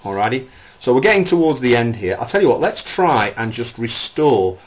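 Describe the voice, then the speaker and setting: A man with a medium-pitched voice presents card tricks as a theatrical magician. His patter is showy and aimed straight at a spectator. He often repeats phrases to underline each step. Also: sing-song, normal speed.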